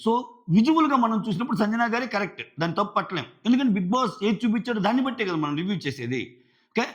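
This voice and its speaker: A man's voice: high voice, a bit bright, muffled recording. A man giving solo commentary on a reality show, explaining his view emphatically and repeating points for stress. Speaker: show reviewer.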